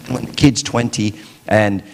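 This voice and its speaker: Low-voiced man preaching in a reverberant church. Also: fairly even intonation, normal speed, creaky, a little hiss or hum. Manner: casual, keeps asking "right?". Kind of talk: conversational sermon.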